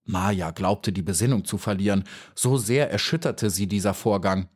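A man reading a children's storybook as audiobook narrator, calm and measured. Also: lowish voice, husky.

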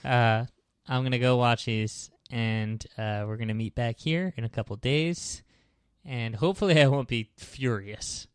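Smooth-voiced man in dry comedic chat. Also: mid-range voice, unhurried, dry recording. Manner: earnest, mock-naive and easily alarmed. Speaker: podcast co-host.

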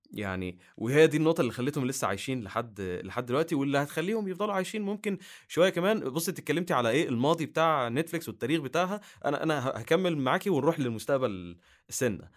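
A man from Egypt with an Egyptian Arabic accent, a guest on a podcast, talking in a halting way with many restarts. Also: mid-range voice. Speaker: guest, YouTuber. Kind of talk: casual podcast chat.

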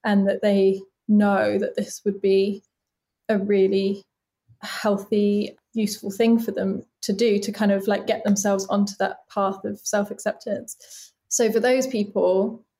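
A woman's voice: medium pitch, level tone, unhurried, mellow. Woman, late twenties, interview guest, earnest, chatty, frequent fillers. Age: late 20s. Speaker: body casting artist, guest. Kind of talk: casual interview conversation.

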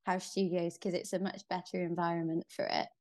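A woman's voice: on the low side, little pitch movement, fairly quick, darkish tone. A woman talking casually as an interview guest, rambling a little and thinking aloud with many fillers. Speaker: interview guest, pole athlete. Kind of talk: casual conversation.

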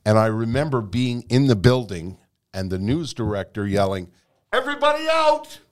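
A man hosting a conversational interview, attentive and quick to chime in with agreement. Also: lowish voice, fairly even intonation, a little mellow. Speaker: host.

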